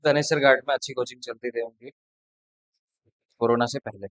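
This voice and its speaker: A man's voice: mid-range voice, steady tone, normal speed, a bit bright, no echo, poor audio. Blunt chatty male tutor, dry sound. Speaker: math tutor. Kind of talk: casual classroom talk to students.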